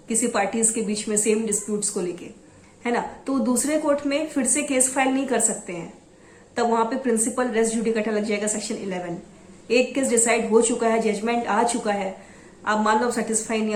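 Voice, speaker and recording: A woman from Assam teaching exam preparation, reading out headings slowly and then explaining them. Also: fairly high pitch, a little mellow, roomy sound, slight background noise. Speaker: law exam tutor. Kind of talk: exam coaching lesson.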